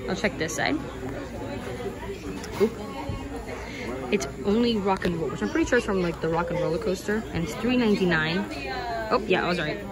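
A woman's voice: mid-range voice, normal speed, pauses often, low-quality recording. A young woman vlogging casually as she walks through a store, chatting and listing prices while gushing over items. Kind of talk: casual shopping walkthrough. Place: indoor retail store. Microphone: handheld phone camera. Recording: busy store with crowd noise. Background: store crowd chatter.

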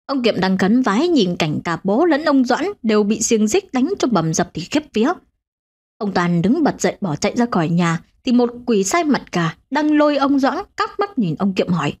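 A woman narrating a ghost story for a channel, with expressive storytelling. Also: normal speed. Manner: expressive, swinging pitch.

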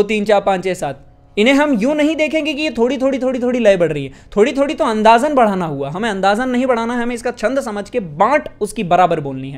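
A man teaching a music lesson, explaining rhythm patterns and counting beats aloud in steady groups, often checking with the listener. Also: high-pitched. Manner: explanatory, asks "है ना?" to check understanding.

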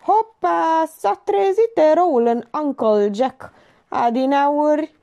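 A woman's voice: a little high, very animated, dark tone, lo-fi sound, pitched above the performer's own voice. A woman voicing a sarcastic, crude young man who mocks the others. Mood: mocking. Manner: sarcastic, mocking.

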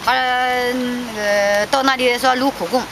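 A woman giving emotional spoken testimony, halting and repeating herself, her voice rising when agitated, recorded outdoors. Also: fairly high pitch, fairly even intonation, noisy background. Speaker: petitioner's sister recounting events.

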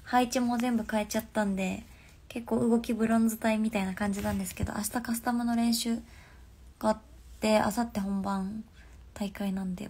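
A young woman with a stuffy nose, chatting casually on a phone livestream and often dropping into soft half-whispers. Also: mid-range voice, gravelly, slightly rough. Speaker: livestream host.

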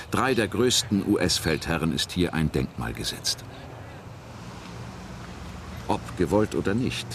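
Deep-voiced male documentary narrator. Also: slight background noise. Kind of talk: scripted historical documentary narration.

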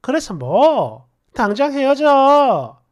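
A woman's voice: high voice, very animated, a little slow, muffled recording. A woman voicing a blunt, scornful young woman friend who mocks and insults harshly.

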